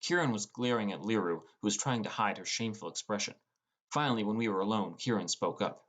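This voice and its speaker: Reading first-person fantasy narration as an audiobook narrator, a man speaks quickly in a lowish, fairly bright voice. Plucked guitar music plays prominently under him.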